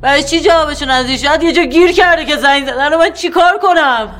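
An actress playing a distraught young woman on morphine, who fires back sharp, defiant retorts. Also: low-pitched, faint music behind.

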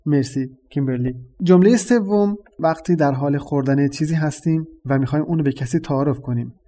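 Mellow-voiced man teaching a lesson. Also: on the high side. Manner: measured, explanatory teaching tone. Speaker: language teacher and host. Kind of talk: explaining a lesson.

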